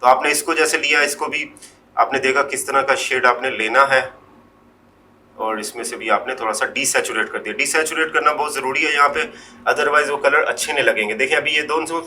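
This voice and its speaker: A man with a mid-range voice narrates a Photoshop screen recording, going step by step at an unhurried pace. His Hindi is sprinkled with English words, and he frequently lets his sentences fade off quietly.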